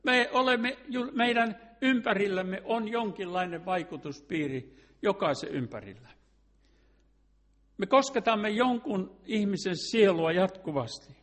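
An earnest man delivers a sermon, his voice sitting a little higher than most men's. He leans on rhetorical questions and now and then restarts a phrase as he works through his point. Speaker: preacher.

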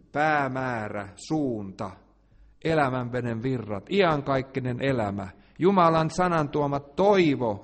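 A man preaching a sermon, swinging between quiet, hushed asides and loud, emphatic declarations. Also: medium pitch, long reverb tail.

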